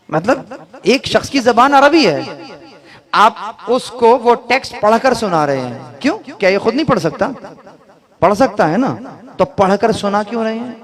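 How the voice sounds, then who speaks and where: A man with a Pakistani Urdu accent gives a religious sermon at a mourning gathering. He asks his listeners questions and acts out different ways of saying a phrase to make his point. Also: high-pitched.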